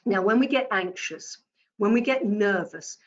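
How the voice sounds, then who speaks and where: A woman teaching presentation skills as a communication coach, deliberate and emphatic, stressing words differently to make her points. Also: medium pitch, dull audio.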